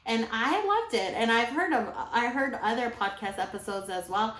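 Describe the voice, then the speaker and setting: A woman's voice: a little high, lively intonation, moderate pace, a bit bright. A woman co-hosting an investing podcast, chatting with upbeat enthusiasm. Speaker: podcast co-host. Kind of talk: casual podcast chat. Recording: roomy echo.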